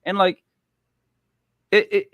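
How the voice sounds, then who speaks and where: Slow-paced and laughing frequently, a man hosting a podcast tells rambling stories in an animated, casual chat. The audio is lo-fi but has no echo.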